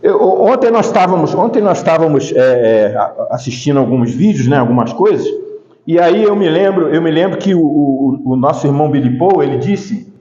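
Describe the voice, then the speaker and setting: High, lively male preacher in an echoey hall. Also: normal speed. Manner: conversational, with frequent "né?" asides and restarts, rising to emphatic preaching. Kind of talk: informal sermon. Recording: echoey hall, dull lo-fi sound.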